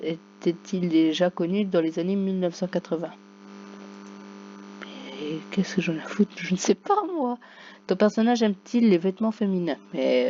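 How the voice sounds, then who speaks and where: A woman commenting casually on a game, reading its questions aloud and joking, with sudden loud outbursts. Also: on the low side. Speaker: gaming YouTuber. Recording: dull lo-fi recording with faint hum.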